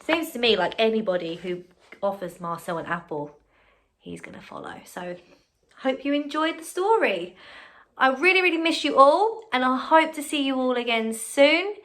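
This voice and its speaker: A primary school teacher with a high-pitched voice reads a picture book aloud to her pupils at a moderate pace. She reads expressively and encouragingly, adding chatty asides and asking the children questions.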